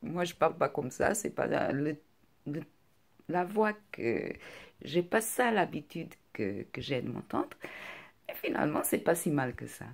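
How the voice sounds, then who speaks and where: A middle-aged woman with a non-native French accent, speaking softly and hesitantly in a confiding personal vlog, often close to a whisper. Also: sits low, big pitch swings, unhurried, gravelly.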